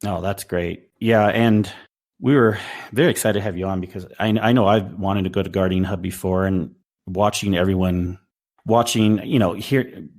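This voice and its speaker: Low gravelly podcast host. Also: male voice, fairly even intonation, normal speed, a little mellow. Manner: upbeat, laughs often, loose restarts. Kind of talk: casual podcast chat. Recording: voice call over chat app.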